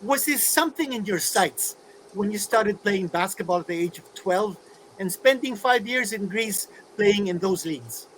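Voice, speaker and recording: High-voiced male talk show co-host. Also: animated, moderate pace, a bit bright, slight background noise, poor audio. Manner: conversational, fills with "um" and "uh". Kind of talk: hosting an interview.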